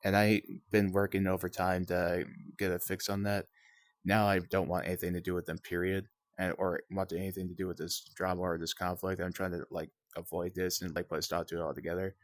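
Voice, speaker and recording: A man in a casual voice chat, explaining himself defensively with halting restarts. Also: deep voice, flat delivery, dry recording.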